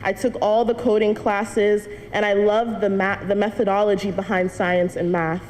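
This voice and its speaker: Her medium-pitched voice is level and darkish, moving at a moderate pace, as this young adult student earnestly shares her testimony with a church congregation amid light laughs. It was recorded in a church hall with long reverb and faint noise.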